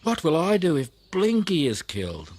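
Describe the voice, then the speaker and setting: A man's voice: on the high side, huge pitch swings, moderate pace, darkish tone, pitched above the performer's own voice. An anxious mother koala from a children's storybook, played by a man. She is easily shocked and fretful, with a raised, swooping melodramatic voice. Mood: dismayed, fretful. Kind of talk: children's audiobook character reading.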